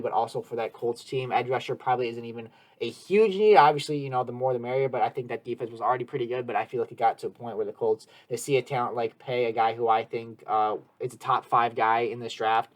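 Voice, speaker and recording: A man hosting a casual sports discussion podcast, talking eagerly and at length with emphatic analysis. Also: mid-range voice. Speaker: podcast host.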